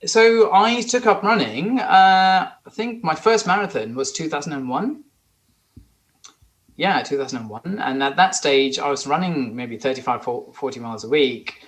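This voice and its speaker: A man's voice: fairly high pitch, lively intonation, normal speed. A man in his forties from Sri Lanka, a podcast guest telling his story in an earnest, eager way with some restarts. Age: 40s. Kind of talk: conversational interview.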